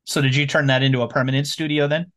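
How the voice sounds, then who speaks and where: A man with a medium-pitched voice hosts an informal interview. He sounds conversational and chatty, phrasing things as he would in everyday talk. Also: level tone, fast, fairly bright tone. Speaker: podcast host.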